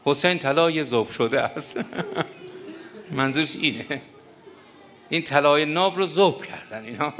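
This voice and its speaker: A man's voice: fairly high pitch, pauses often, fairly bright tone. An older man preaching a grieving mourning sermon in an impassioned voice, at times breaking into a lamenting chant.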